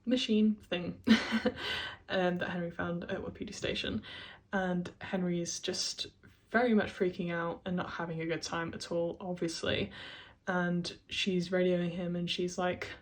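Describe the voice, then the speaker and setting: A woman's voice: fairly low pitch, little pitch movement, measured pace. A woman talking through a casual video essay, chatty, with many fillers and frequent laughs.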